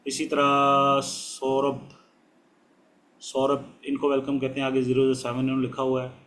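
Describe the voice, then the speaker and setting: A man hosting an online session, greeting each listener politely by name and pausing to sound out the names he finds hard. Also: medium pitch, completely flat delivery, a little mellow. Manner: polite and courteous, ends phrases with "ji" and sounds out names slowly. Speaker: host of an online motivational session. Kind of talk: casual live-session welcome.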